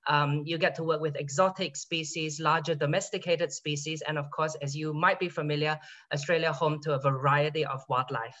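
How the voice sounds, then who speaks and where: A Singaporean university lecturer in his thirties, with a highish, bright and forceful voice, speaks briskly in a steady tone during an online info session. Chatty and often restarting his words, he joins by video call from a home room in the evening, and the audio is dull and lo-fi.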